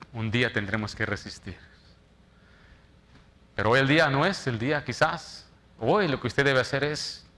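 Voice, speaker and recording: A man preaching a sermon in church as pastor, shifting from loud dramatic quotes to soft, quiet appeals. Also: mid-range voice.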